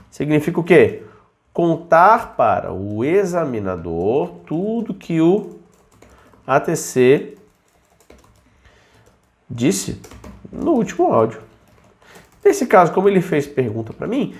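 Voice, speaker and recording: A man teaching aviation English to pilots in an informal video lesson. His voice sits high for a man, and he talks in a chatty, lively way, now and then mimicking a student's questions. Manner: chatty, slips into English examples slowly and acts out students.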